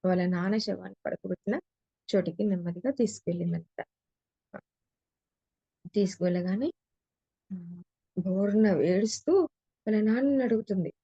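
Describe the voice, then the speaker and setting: A woman's voice: medium pitch, moderate pace, long pauses, warm tone, breathy edge, dry recording, dull audio. A woman teacher reads a story aloud, then retells and explains each passage in casual talk. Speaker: spiritual teacher.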